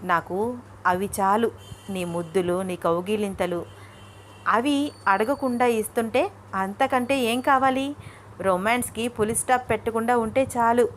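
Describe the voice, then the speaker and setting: A woman's voice: fairly high pitch, unhurried, long pauses, slight background noise, natural voice. Playful romantic husband in a storybook, read by a woman. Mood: tender. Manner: playful, teasing. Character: young man, affectionate teasing husband.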